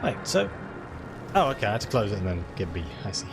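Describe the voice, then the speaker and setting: A man's voice: on the low side, very animated, fast talker, over loud music. A man from Wales with a Midlands accent, chatting and joking while playing a game. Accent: Midlands English. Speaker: let's-play streamer. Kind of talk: casual game commentary.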